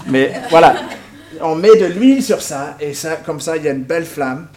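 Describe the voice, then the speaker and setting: A man, acting out a Bible story with volunteers and props, lively and lightly humorous. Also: a little high, normal speed. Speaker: preacher.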